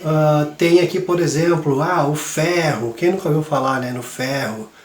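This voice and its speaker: A man teaching a science lesson to young students in a chatty, relaxed way, his voice hoarse from a cold. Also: a little high, moderate pace, reverberant. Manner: chatty, relaxed, many fillers. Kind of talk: classroom lesson for kids.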